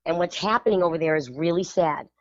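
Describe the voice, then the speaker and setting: A woman's voice: lowish voice, fast talker, dry recording. New lady hosting a radio show, emphatic, dry dull-sounding studio. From New York (Spanish Harlem). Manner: animated, emphatic, lots of "you know". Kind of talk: casual radio chat.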